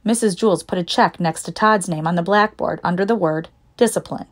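A woman narrating a children's storybook in a lively, expressive reading voice. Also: fairly low pitch, fairly quick. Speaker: audiobook narrator.

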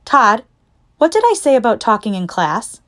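A woman voicing a strict female schoolteacher in a children's storybook reading, scolding in a raised, higher voice. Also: wildly swooping pitch, moderate pace, fairly bright tone. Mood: stern.

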